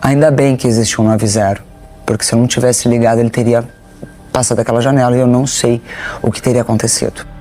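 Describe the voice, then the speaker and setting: A woman giving an emotional first-person account in an interview, halting and restarting her sentences as she recounts events. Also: very deep voice, fairly even intonation, mellow, faint music behind.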